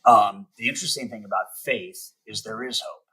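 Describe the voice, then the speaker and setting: A middle-aged man teaching sales on a podcast in an emphatic, coaching manner. His voice is bright and forceful with a husky edge, and he slows right down to drive each point home. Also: lowish voice, rough recording. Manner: emphatic, spells out acronyms slowly, acts out sample calls. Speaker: sales trainer and guest. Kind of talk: podcast interview, motivational teaching.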